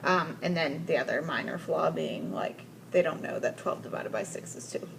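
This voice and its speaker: A woman with a fairly low voice, coaching a teacher face to face. She is direct and businesslike, breaks a lesson into steps, and affirms often while she guides the talk. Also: moderate pace, creaky, slight background noise, poor audio. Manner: directive, affirming with frequent "mm-hmm" and "like". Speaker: instructional coach. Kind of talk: one-on-one teacher coaching conversation.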